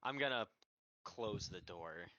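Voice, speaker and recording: A man playing a tabletop role-playing game, talking casually in character in a halting, complaining way. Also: fairly low pitch, expressive, crowd noise. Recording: dull, lo-fi sound.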